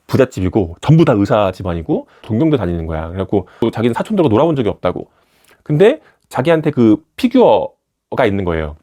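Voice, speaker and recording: Fast, animated man retelling a manga. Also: on the low side. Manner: retells scenes and acts out characters' lines with a shifting voice. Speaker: manga commentator. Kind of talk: animated storytelling commentary.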